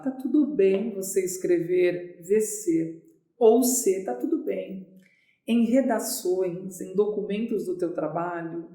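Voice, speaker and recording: A Brazilian Portuguese teacher gives an online grammar lesson in a chatty way, asking questions and answering them herself. Her medium-pitched voice is warm, recorded in an echoey room.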